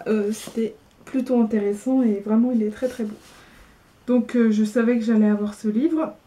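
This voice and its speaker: Young woman from France, casual book vlogger, slightly high and mellow, chatty with fillers. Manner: chatty, many fillers and restarts. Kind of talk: casual book haul chat.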